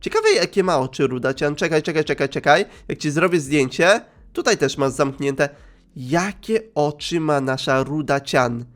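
A man with a high, light voice hosts a game playthrough. He is restless and animated, makes goofy sound effects, and swings from loud outbursts down to muttered asides. He sounds like a gaming host chatting straight to his viewers. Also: moderate pace. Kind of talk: energetic let's-play commentary.

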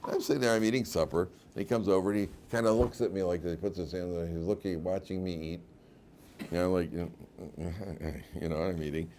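A man's voice: low voice, steady tone, brisk, dark tone, slight background noise. A man, a rabbi giving a weekly Torah class as an informal lecture full of stories, repeating words and laughing at his own tales.

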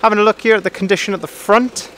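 A man, a car salesman, walking around a used pickup outdoors and calmly pointing out its features. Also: high voice, very fast, slight background noise. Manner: friendly, methodical, repeats phrases. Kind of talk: walkaround vehicle review. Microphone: handheld phone camera, filming himself off-screen.

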